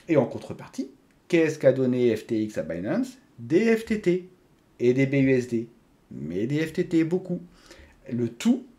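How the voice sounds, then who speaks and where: This is a man talking straight to his viewers in a loose, conversational way. His voice is mellow and dark, and his pitch rises and falls a lot. He stumbles, restarts and fills gaps often. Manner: conversational, many fillers and restarts, addresses viewers directly. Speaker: crypto YouTuber. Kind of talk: casual explanatory talk to camera.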